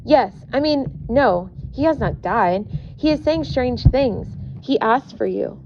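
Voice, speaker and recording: A woman's voice: on the high side, lively intonation, slow pace, slight background noise, pitched above the performer's own voice. A woman voicing an earnest young servant boy, speaking urgently and a bit breathlessly in a raised voice. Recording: muffled recording.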